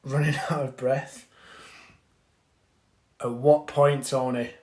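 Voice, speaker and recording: A man's voice: mid-range voice, little pitch movement, takes it slowly. Brief: male fitness coach, casual live-stream teaching, chatty with mild swearing, roomy echo on the mic. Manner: chatty, reads out viewer comments, swears casually. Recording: echoey room.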